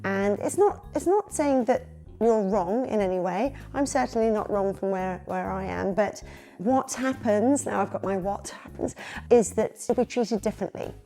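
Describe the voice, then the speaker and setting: A woman with a London accent talks through practical tips in a candid, chatty way, like a casual advice vlog. Her voice is warm and mellow, and her pitch sits in a middle range. Faint music plays quietly behind her. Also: normal speed, gravelly. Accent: London English. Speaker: children's party entertainer.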